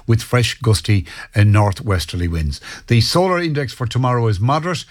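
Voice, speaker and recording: An Irish man presenting a radio weather forecast, a little halting as he reads. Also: medium pitch.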